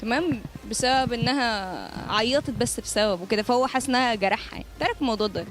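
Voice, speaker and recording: Fast, high-voiced Egyptian woman teasing. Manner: playful, mocking. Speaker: street interviewer. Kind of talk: teasing street interview questions.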